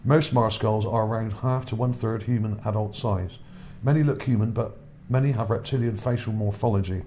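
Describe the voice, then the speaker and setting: Brisk and rambling, a male channel host narrates images casually while reading his article. His low, mellow voice is going hoarse and starting to go, he repeats words and checks in with "okay?", and a faint hiss runs behind him.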